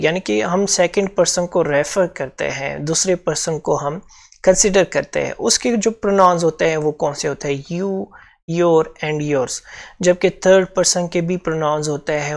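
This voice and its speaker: A man's voice: fairly high pitch, vocal fry. A man with a Pakistani accent teaching a grammar lesson for exam preparation, explaining step by step and repeating key points.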